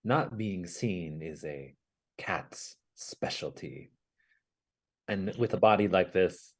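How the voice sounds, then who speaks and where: A player voicing a grumpy cat trapped in an ugly summoned body, speaking in a slow, hissing, menacing way. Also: low voice, animated, slightly rough, exaggerated voice. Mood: sullen.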